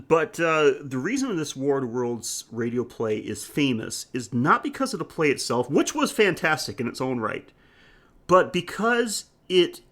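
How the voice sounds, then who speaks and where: Here a man with a mid-range, fairly bright voice co-hosts a podcast, trading jokes and easygoing talk about movies.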